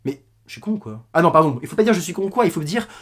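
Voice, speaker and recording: A man reacting to his own old video in casual commentary, animated and self-mocking, with frequent swearing. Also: a little high, fast.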